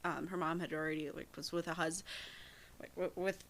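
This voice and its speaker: A young woman co-hosting a true-crime podcast in loose, casual chat. She giggles often and keeps restarting sentences with ums and likes. Her voice sits slightly low for a woman. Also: steady tone, normal speed, fairly bright tone. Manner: chatty, giggly, frequent fillers and restarts. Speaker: podcast co-host.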